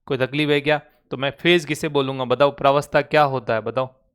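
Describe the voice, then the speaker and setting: A man's voice: mid-range voice, fairly even intonation, fairly quick, a bit bright, smooth. A man teaching chemistry in Hindi with a Rajasthani accent, constantly quizzing his students with call-and-response questions. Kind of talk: classroom lecture. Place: online class recording.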